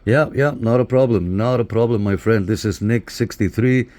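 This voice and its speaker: A Canadian man reviews radio gear hands-on, talking casually as he operates it and often repeating short phrases. His voice is lowish and darkish, at a moderate pace, with no echo. Background noise comes through clearly.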